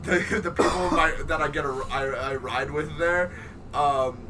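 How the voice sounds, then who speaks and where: Young man, co-host, rambling, stumbling restarts, slightly high, distant from the mic. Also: normal speed, pushed and bright, a little hiss or hum. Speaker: podcast co-host. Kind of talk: casual chat. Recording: voice from away from the mic.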